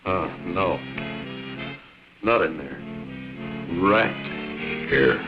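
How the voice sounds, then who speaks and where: A menacing, low-voiced movie crook. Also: male voice, animated, very slow, heavily acted. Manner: taunting, slangy, swaggering. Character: menacing, leering male crook holding a woman captive. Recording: muffled old film soundtrack, music underneath.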